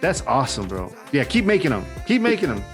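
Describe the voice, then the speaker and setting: A man's voice: on the high side, wildly swooping pitch, fast, faint music behind. A man in his forties hosting a podcast, laid-back and slangy, affirming his guest. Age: 40s. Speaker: podcast host. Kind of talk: casual podcast chat.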